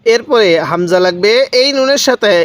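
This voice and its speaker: A man teaching Quran reading step by step, patiently repeating rules and slowly drawing out each syllable as he spells out the letters. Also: high voice, a bit bright, no echo. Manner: patient, repetitive explanations. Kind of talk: step-by-step recitation lesson.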